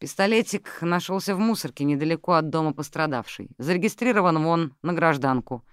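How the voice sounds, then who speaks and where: A man's voice: a little high, animated, fairly quick, clean tone, no room sound, voice pushed up, natural voice. A reader voicing a dry, mocking male investigator who speaks in blunt officialese. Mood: reporting.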